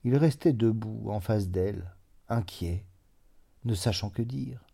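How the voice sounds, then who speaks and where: A man reading a literary short story aloud in a measured narration. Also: fairly low pitch, gravelly, mellow, husky. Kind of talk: scripted audiobook narration.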